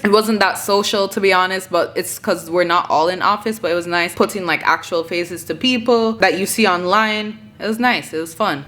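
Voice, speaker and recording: A woman in her twenties with a Jamaican accent, chatting casually through a monthly recap vlog in an animated, rambling way. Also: lowish voice. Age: 20s. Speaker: vlogger.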